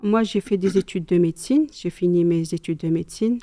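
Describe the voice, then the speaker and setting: A middle-aged Algerian mother shares memories of her family's story in a calm, thoughtful, casual chat, adding pious asides. Her voice is lowish and her pace brisk.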